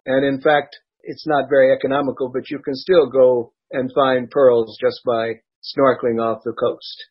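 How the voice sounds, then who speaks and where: An older man speaks in a measured, explanatory way, a guest heard in a recorded interview clip. His voice is husky and the sound is slightly dull and lo-fi. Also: medium pitch, little pitch movement. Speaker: former ambassador, guest.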